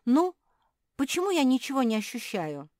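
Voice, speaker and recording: A woman's voice: mid-range voice, expressive, a little slow, no room sound, clean studio sound, voice pushed up, lightly acted. A woman voicing a brave, bossy young female pet animal in a storybook, giving orders eagerly. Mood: bold. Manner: commanding, eager.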